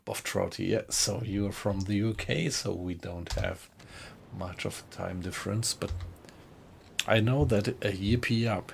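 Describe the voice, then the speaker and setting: A man with a German accent casually commentates a live game stream, chatting with viewers and greeting people in chat. His voice is low-pitched and gravelly, and there's slight background noise. The mood is relaxed and chatty.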